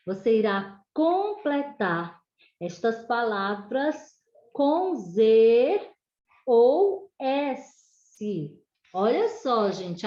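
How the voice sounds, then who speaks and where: A woman's voice: on the high side, darkish tone. A woman teacher with a Brazilian Portuguese accent, giving an online class to children and dictating word by word. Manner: slow, deliberate word-by-word dictation. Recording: dull lo-fi home video audio.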